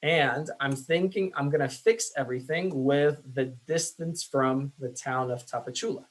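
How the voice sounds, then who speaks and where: A man teaching statistics in a casual, self-deprecating way, with many fillers, his voice going hoarse. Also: mid-range voice, normal speed, rough recording. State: losing his voice. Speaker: statistics instructor. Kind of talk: screen-share lecture.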